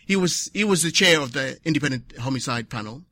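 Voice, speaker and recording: A man speaking at a conference, short of breath, earnest and reflective, pausing to correct himself. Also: mid-range voice, animated, bright, forceful tone, no echo. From Zimbabwe. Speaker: conference speaker, patient advocate. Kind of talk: conference speech. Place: conference hall.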